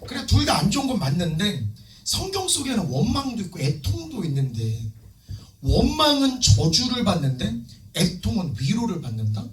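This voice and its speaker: A man's voice: sits high, wildly swooping pitch, normal speed, slight background noise. A man preaching a sermon as pastor, fervent and emphatic, calling out to the congregation. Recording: echoey room, distant mic, faint music.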